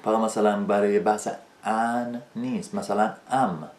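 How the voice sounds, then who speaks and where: Low-voiced man teaching in an echoey room. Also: fairly even intonation, a little mellow. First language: Persian. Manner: explains with many rhetorical questions and slow spoken examples. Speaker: English teacher. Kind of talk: explanatory video lesson.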